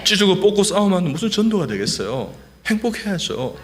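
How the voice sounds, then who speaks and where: Lively, joking middle-aged man. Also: high voice, a little fast, background noise. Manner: lively, joking, leads the congregation in repeating phrases. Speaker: guest speaker, doctor giving testimony. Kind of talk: humorous church testimony.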